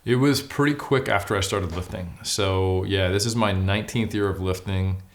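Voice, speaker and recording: A forty-year-old man from California with an American accent tells stories about his own life as an interview guest. He is a bodybuilder and an academic, and he comes across as frank, relaxed and self-mocking, with a low voice and a moderate pace.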